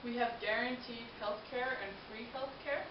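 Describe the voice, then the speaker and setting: A young adult Danish woman, a native Danish speaker, gives a prepared informative presentation to an audience. Her voice is on the high side, with fairly even intonation and a moderate pace. The distant mic makes the sound roomy, echoey, muffled and hissy.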